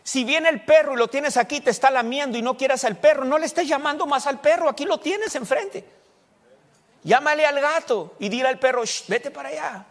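High-voiced pastor in a reverberant hall. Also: male voice, brisk, a bit bright. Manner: folksy, repeats words, asks the congregation questions. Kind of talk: conversational sermon. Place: church hall. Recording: long church hall reverb.

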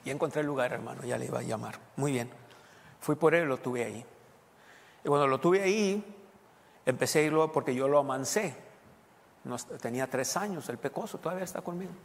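A man's voice: mid-range voice, brisk, vocal fry, long pauses. A male pastor preaching a sermon as a personal story, talking conversationally and asking his congregation questions. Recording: long hall reverb.

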